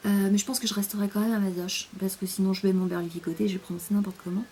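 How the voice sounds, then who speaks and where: A woman's voice: mid-range voice, little pitch movement, very fast, darkish tone, slightly rough. A young French woman chatting in a casual rambling monologue, hesitant, with many fillers, often sinking to a near-whisper. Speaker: vlogger.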